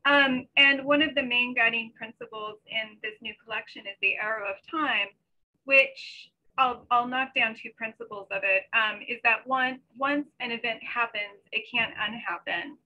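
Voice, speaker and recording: A middle-aged woman poet introduces and reads her own poems informally over a video call from a small bedroom at home. Her voice is fairly high, bright and forceful, with fairly even intonation at a normal speed. The computer mic gives the audio a slightly dull quality.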